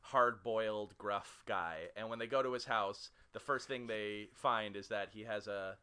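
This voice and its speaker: A man co-hosting a casual podcast, recapping a show with quick asides and frequent laughter. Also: lowish voice, sharp tone, clean tone. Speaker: podcast co-host who picks the shows. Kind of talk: casual chat.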